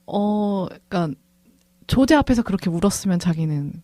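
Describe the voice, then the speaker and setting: A woman co-hosting a podcast, calmly retelling a conversation as she discusses a film. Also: medium pitch, moderate pace, no room sound. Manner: thoughtful, retells a conversation at length. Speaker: podcast co-host, film director.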